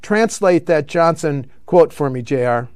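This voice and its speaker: A man's voice: a little high, expressive, measured pace, clean tone, no room sound. A man hosting a political talk show, running through news items with frequent fillers and self-corrections. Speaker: radio show host.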